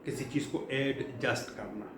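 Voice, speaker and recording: A middle-aged man from Pakistan teaching English vocabulary in a classroom lecture style, explaining patiently and repeating key words with frequent fillers. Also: medium pitch. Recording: echoey room, faint background hum.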